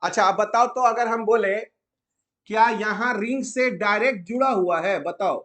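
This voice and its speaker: A man's voice: sits high, a bit bright. A man teaching chemistry step by step, often stopping to check that students follow. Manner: asks students frequent check questions; slows down to spell out names.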